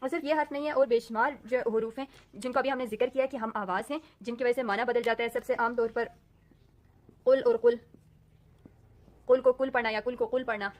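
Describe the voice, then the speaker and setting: A woman with an Urdu accent teaching a recorded lesson, speaking slowly and deliberately and repeating sounds as drills. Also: a little high, fairly even intonation. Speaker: Quran recitation teacher.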